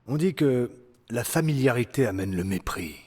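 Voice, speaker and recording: A man's voice: mid-range voice, expressive, moderate pace, darkish tone, slightly rough. An actor playing an earnest, curious young male hero in a French video game dub, asking plenty of questions. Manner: inquisitive, earnest.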